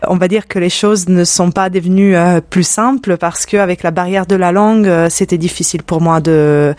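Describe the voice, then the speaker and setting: A woman's voice: on the low side, fairly even intonation, moderate pace, darkish tone, no room sound. A young woman from Sicily, a guest in a radio studio, telling her story hesitantly with many fillers. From Sicily, Italy. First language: Italian. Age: young adult. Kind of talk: personal testimony in an interview.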